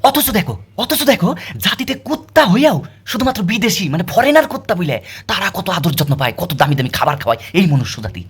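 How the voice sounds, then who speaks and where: A sarcastic, aggrieved male street dog, as a man puts him on, grumbling in a through a comic monologue. The voice is husky, with a lively pitch that swoops up and down. Every complaint lands as a pointed rhetorical question. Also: quick pace, full character voice. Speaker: comedian.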